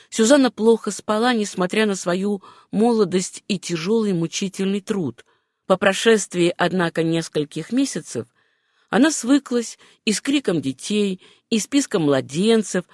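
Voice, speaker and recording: An audiobook narrator reading prose at a measured, unhurried pace. The voice sits in a middle pitch. The recording is close and dry. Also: no echo. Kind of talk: scripted narration.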